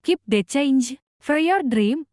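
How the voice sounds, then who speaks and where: Woman playing gentle foreign lady tourist, slow careful speech, higher mellow tone, storybook. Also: expressive, dry recording, clean studio sound. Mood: gentle admiring. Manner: slow, soft-spoken, simple English.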